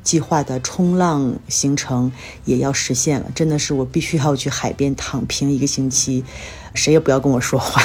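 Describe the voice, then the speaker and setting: A woman's voice: rumbling low, steady tone, moderate pace, slightly rough. A woman from China hosting a casual solo podcast, chatting and telling everyday stories while sounding a bit tired and under the weather. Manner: chatty storytelling. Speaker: podcast host. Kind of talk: casual solo life-update monologue.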